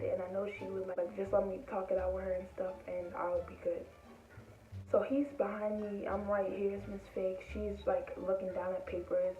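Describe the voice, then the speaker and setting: Teen girl, casual storytime, rambling filler-heavy delivery, acts out quotes; thin phone-like sound, echoey room, mic at a distance. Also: medium pitch. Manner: acts out quoted people in her voice. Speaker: vlogger telling a story. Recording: tinny, roomy, distant from mic.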